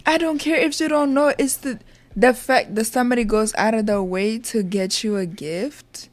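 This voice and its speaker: A woman's voice: fairly high pitch, moderate pace, no room sound. Sassy, blunt woman chatting. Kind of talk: casual chat.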